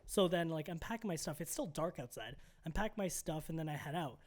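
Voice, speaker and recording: Animated young man telling a story. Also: on the high side, fast. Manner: animated storyteller, heavy on "like" and "bro". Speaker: podcast co-host. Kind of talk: casual chat.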